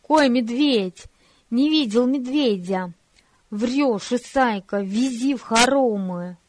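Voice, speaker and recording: A woman voicing a spoiled, proud noble boy from an old storybook, who barks orders and flares up quickly. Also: a little high, dry recording. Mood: angry. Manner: bossy, shouting commands.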